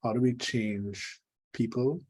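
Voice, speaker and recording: A man's voice: medium pitch, fairly even intonation, slow pace, a little mellow, low-quality recording. A middle-aged man from Trinidad and Tobago, a leadership coach telling reflective stories with dry humor in an interview. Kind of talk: conversational interview.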